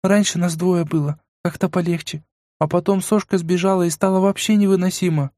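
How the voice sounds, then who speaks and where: A frightened young woman begs in a tremulous, whimpering voice, as a male reader puts her on. Her voice sits higher than the reader's own, and the sound is dry and close, like a studio audiobook. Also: fairly even intonation, a little fast, darkish tone, no echo, natural voice. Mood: frightened, hurried. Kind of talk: audiobook character voice.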